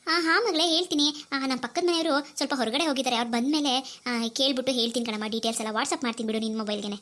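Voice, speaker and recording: A woman's voice: high voice, fast, fairly bright tone. A woman voicing a caring older mother who chats fondly with her daughter on the phone in a cartoon. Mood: fond, chatty.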